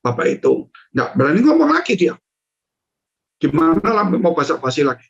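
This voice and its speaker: Male pastor, conversational sermon, high voice, muffled lo-fi recording. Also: big pitch swings, moderate pace, vocal fry. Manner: conversational storytelling, addresses listeners as "saudara". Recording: dull lo-fi recording.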